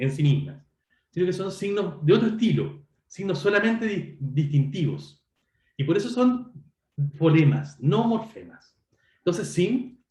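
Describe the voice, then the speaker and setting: Male lecturer, fairly high and lively delivery, self-correcting explainer, echoey room. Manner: explanatory, checks in with students; self-correcting, frequent "perdón". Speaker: university lecturer. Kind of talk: online linguistics lecture.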